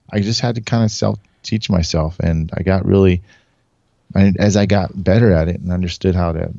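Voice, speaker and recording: A man in his forties with a low, gravelly voice and a warm, mellow tone, telling rambling stories as a podcast guest. He laughs a lot and slips into the voices of people in his stories. The recording is dry and a little muffled. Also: no echo. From Southern California. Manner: rambling, laughs often, acts out quotes. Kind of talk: casual storytelling.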